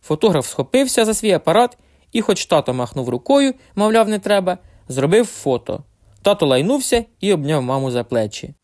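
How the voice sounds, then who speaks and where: A male audiobook narrator telling a children's story expressively. His voice is somewhat high, with a lively, animated melody. The recording is close and dry. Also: fairly quick, no echo.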